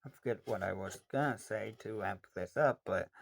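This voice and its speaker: A young man in his late teens answering viewer questions in a casual, rambling way, with many pauses and ums. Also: fairly low pitch, gravelly, breathy edge. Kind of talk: casual Q&A monologue.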